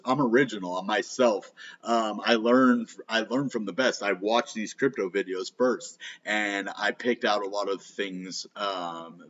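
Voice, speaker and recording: A man's voice: fairly low pitch, a bit bright. A man with missing front teeth hosting a casual, rambling crypto vlog, talking informally with lots of filler words. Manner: informal, rambling, filler-heavy, frequent "you know" and "like". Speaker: host of a crypto channel. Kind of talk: casual rambling vlog, live market commentary. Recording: slightly dull, lo-fi sound.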